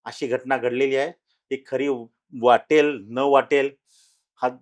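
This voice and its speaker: A middle-aged man tells his own ghost experience as a podcast guest, talking casually with many pauses and restarts and growing louder at the tense moments. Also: mid-range voice, fairly even intonation. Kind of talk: casual storytelling in an interview.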